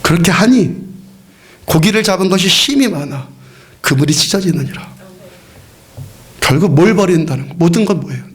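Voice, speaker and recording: A man preaching a sermon as pastor, leading the congregation in repeated responses and moving between hushed, whispered lines and loud, fervent preaching. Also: high voice, lively intonation, moderate pace, pauses often.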